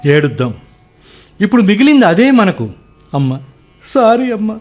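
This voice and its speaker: An actor in a radio play playing a married son full of remorse and grief. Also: male voice, high-pitched, very animated, moderate pace. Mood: remorseful. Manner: mournful, self-reproaching. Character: guilt-ridden married son, grieving, remorseful. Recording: faint music behind.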